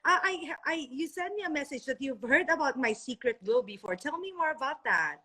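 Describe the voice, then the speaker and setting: A woman's voice: high voice, expressive, brisk, bright, forceful tone. Gushing woman interviewer on a video call. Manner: gushing, effusive, stumbles over words. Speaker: interviewer, skincare sponsor. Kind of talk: casual live-stream interview. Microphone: phone or laptop video call.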